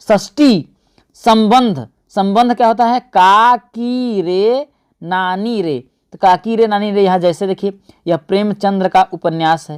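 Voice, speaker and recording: A man's voice: high-pitched, a little mellow, smooth. A man teaching an exam-prep lesson, often asking and answering his own questions and calling his viewers friends.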